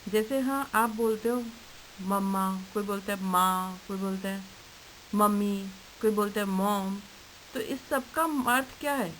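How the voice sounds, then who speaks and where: A woman's voice: mid-range voice, measured pace, fairly bright tone, rough recording. A woman teaching an online lesson to young children, asking simple questions and answering them herself in a patient way. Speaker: primary school teacher. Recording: faint hiss.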